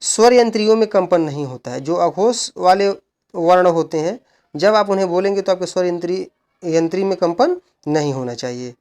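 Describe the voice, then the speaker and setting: A male teacher giving an exam-prep grammar lesson, who asks questions and answers them himself while explaining slowly and repeating key points. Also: high voice, a little mellow. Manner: slow, repeated explaining with frequent "look" and "okay".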